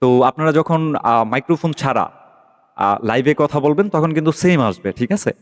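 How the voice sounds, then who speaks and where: In a casual screen-recorded walkthrough, a man explains an app step by step, often checking that listeners are following. His medium-pitched voice is animated and moderately paced, picked up by a phone microphone with long, echoing reverb.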